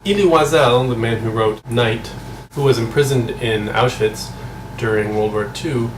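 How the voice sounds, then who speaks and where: A man's voice: mid-range voice, measured pace. An American man vlogging in a casual, musing way, often asking himself questions. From United States. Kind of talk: casual vlog monologue to camera. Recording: echoey room, mic at a distance, air conditioner hum.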